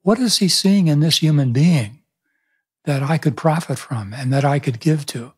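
In a small indoor room, a studio microphone on a boom arm picks up a man in his seventies whose voice runs on the high side, dark-toned and slightly rough, at a normal speed. He's a pastor and author in a reflective interview, telling stories thoughtfully and restarting sentences often.

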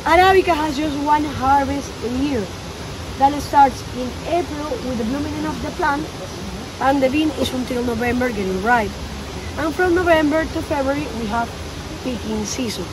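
A woman in her thirties with a high voice and a Colombian Spanish accent guides a coffee farm tour, speaking animated non-native English at a normal pace and gesturing as she explains. A phone camera a few meters away captured her outdoors, and a constant hiss runs beneath her voice.

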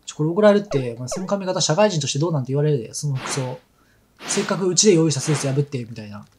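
A man's voice: a little high, lively intonation, racing, a little mellow, a little hiss or hum. A man with a Kansai accent chatting casually and telling rambling stories while he plays a game. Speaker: let's play commentator. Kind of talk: casual chat over gameplay. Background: game music.

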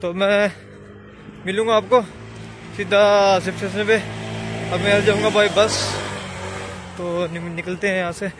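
Young man, casual daily vlogger, higher pitch, steady and flat, light background hiss. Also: measured pace, pauses often. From Haryana, India. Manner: chatty running commentary to camera. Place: kitchen, then outdoors on streets. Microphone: phone at arm's length.

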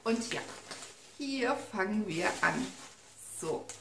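A young adult beauty vlogger chats excitedly through a casual unboxing, sometimes reading notes aloud, with a touch of vocal fry in her mid-range voice. She speaks slowly. Her camera mic sits a few feet away in a roomy living room, so the sound is distant with faint noise.

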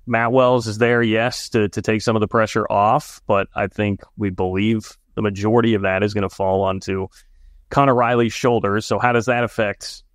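Man, chatty sports podcast co-host, lowish voice, dry sound. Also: no echo. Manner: chatty, jokey, talks fast. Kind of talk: casual sports analysis talk.

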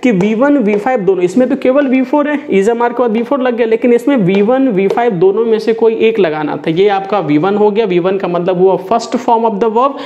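A man's voice: high voice, normal speed, few pauses, warm tone, dull audio. A man teaching a spoken English lesson, switching between Hindi and English and drilling example sentences.

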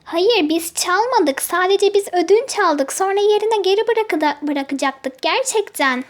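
A woman's voice: extremely high pitch, animated, measured pace. A woman voicing a mischievous little toy kid who sheepishly defends what they did in a toy storybook play.

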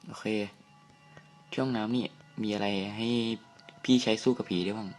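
A young man giving casual let's-play commentary on a horror game, hushed and jumpy, with startled outbursts and swearing. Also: on the low side, fairly even intonation, normal speed, soft background music. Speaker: gamer playing a horror game.

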